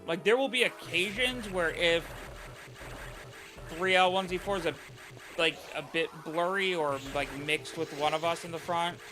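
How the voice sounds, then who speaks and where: A man streaming a game and chatting casually in a rambling, halting way, over game music. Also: on the high side. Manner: rambling, halting, many fillers and restarts. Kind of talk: casual chat while playing a game.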